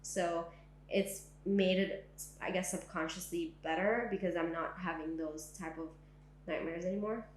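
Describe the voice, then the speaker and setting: A young Syrian woman with a fairly low, steady voice speaks at a moderate pace in a living room, looking back on her past for an oral history interview. She is reflective and uses "like" and "um" often. The room sounds spacious, with slight background noise.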